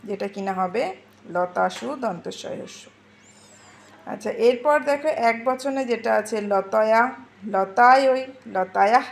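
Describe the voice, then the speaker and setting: A woman's voice: on the high side, slight background noise. A woman teacher patiently explaining Sanskrit grammar to students, repeating word forms and checking they follow. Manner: patient, repeats forms slowly and asks "ঠিক আছে?".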